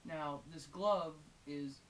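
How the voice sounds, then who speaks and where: Heard through a distant, hissy microphone, this female-sounding game reviewer takes her time, her mid-range voice moving slowly. The commentary is unscripted, casual and opinionated, delivered conversationally with wry remarks on the side.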